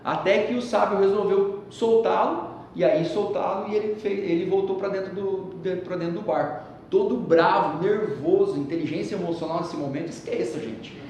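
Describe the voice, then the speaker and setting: Brief: animated male motivational speaker, somewhat high voice, heavy hall echo and faint rumble. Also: moderate pace, hardly any pauses, distant mic. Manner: animated, addresses the audience directly. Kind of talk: storytelling talk to a live audience.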